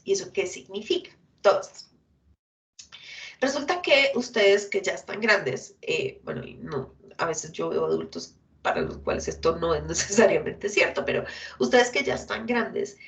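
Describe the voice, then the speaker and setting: A woman giving a workshop talk to parents, explaining things warmly and directly and acting out children's outbursts with animated emphasis. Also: mid-range voice, creaky. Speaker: school family workshop speaker.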